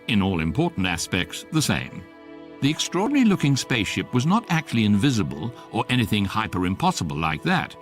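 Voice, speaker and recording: An actor playing an authoritative electronic guidebook narrating a radio comedy, droll, precise and deadpan. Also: male voice, lowish voice.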